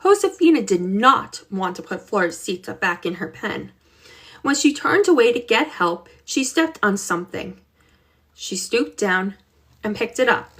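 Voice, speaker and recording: A woman reading a children's chapter book aloud with expressive, unhurried storytelling. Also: medium pitch. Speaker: reader.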